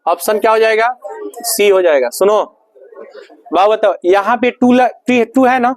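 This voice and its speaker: A man's voice: high-pitched, a little slow, no room sound, rough recording. A male teacher running a grammar lesson in a classroom, firing repeated questions at his students.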